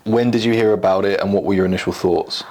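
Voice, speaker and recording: A man's voice: sits low, fairly even intonation, quick pace, darkish tone. A man asking questions in a casual interview, interested and affirming. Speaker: interviewer, grandchild.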